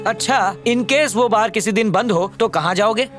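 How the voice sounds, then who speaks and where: A man playing a calm, wry father. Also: high-pitched, moderate pace, natural voice. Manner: calm, gently sarcastic reasoning. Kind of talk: Hindi film dub acting. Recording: film soundtrack with music under dialogue. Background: film score music.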